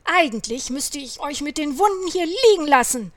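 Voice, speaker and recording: Storybook farmer, grumpy and scolding, read by a woman, raised and loud, dry close sound. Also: high voice, unhurried, dry recording. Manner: scolding, grumbling.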